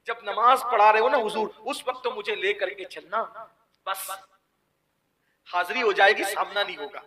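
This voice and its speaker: A preacher delivering an impassioned storytelling sermon, swinging from loud declaiming to hushed pleading. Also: male voice, high voice, rough recording. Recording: crowd heard at live gathering.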